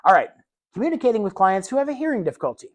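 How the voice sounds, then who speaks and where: A man leads a caregiver training lesson in a loose, conversational way. He throws in fillers and quick asides. Now and then he slows down to show careful, exaggerated enunciation. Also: high voice, big pitch swings. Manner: casual, conversational teaching with many fillers and asides; demonstrates slow exaggerated enunciation. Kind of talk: recorded classroom lecture.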